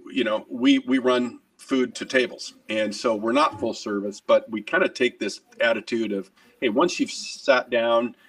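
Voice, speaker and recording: A man's voice: fairly low pitch, far from the mic. A middle-aged man, a restaurant executive, talking earnestly and energetically in a video interview from his home office. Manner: earnest, energetic, gestures while talking, repeats words. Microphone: webcam on a video call.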